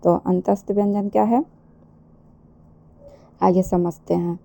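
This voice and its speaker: Slow, mellow-voiced woman teaching. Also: on the low side, steady tone, gravelly. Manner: slow, repeats and asks rhetorical questions. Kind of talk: exam-prep lesson.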